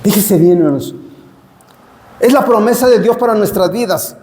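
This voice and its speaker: High-voiced pastor preaching in an echoing hall. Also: male voice, moderate pace, a little mellow. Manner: emphatic, repeats phrases, keeps addressing the congregation as brothers. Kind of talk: sermon. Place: church hall.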